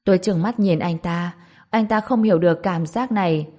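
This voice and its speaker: A woman's voice: fairly low pitch, normal speed, warm tone. Woman narrating a first-person audiobook.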